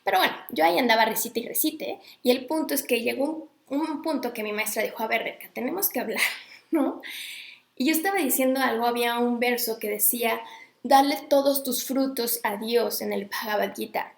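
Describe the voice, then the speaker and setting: A host with a somewhat high, gravelly voice talks at normal speed in a roomy-sounding space. Her live talk on Sanskrit recitation is casual, chatty and digressive, and she stops to greet viewers along the way.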